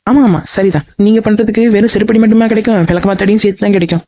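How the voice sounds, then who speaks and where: A woman's voice: mid-range voice, fairly even intonation, warm tone, dull audio, lightly acted. A woman voicing a bossy, teasing young aunt in a cartoon, scolding and mocking her niece. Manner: scolding, mocking and fast-talking. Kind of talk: animated cartoon voice acting.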